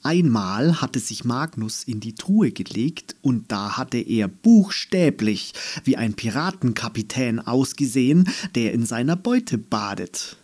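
Slow, lively German storybook narrator, man. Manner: slow, expressive, lively pitch. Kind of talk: storybook reading.

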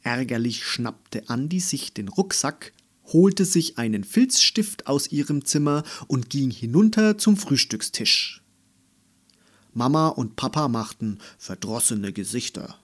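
A man reading a children's story aloud in an expressive, storytelling manner. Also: mid-range voice. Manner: slow, expressive storytelling with lively intonation. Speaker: narrator.

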